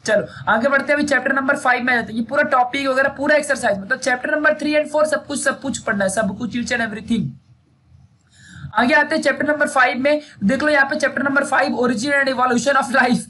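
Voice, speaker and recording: A man's voice: very high-pitched, fairly even intonation, fairly quick, bright, forceful tone. A man teaching a casual syllabus walkthrough, chatty and repetitive, speaking. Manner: chatty, repeats "theek hai" often.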